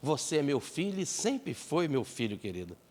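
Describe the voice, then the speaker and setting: A serene elderly spiritual leader, as a man voices him, calm and gentle. His voice rises and falls with life. The hall's long reverb surrounds him. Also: on the high side, normal speed.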